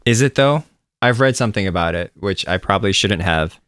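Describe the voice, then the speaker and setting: Smooth low-voiced man chatting casually. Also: a little fast, dry recording, clean studio sound. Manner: relaxed, rambling, self-deprecating. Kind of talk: casual chat.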